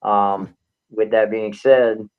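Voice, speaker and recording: A man's voice: lowish voice, steady tone, slow, clear, resonant tone. A man speaking as a guest activist over a buzzy, glitchy call connection, giving a blunt and fired-up rallying speech with lots of repetition. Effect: buzzy, glitchy call audio. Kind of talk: impassioned advocacy talk on a live show. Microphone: remote call connection. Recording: tinny phone-like call line.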